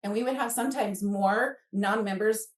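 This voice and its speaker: Speaking at a moderate pace in a mid-range voice, this fifties-aged American author from Alaska shares casual stories as a guest. She animatedly performs remembered conversations, and the distant mic picks up an echoey room.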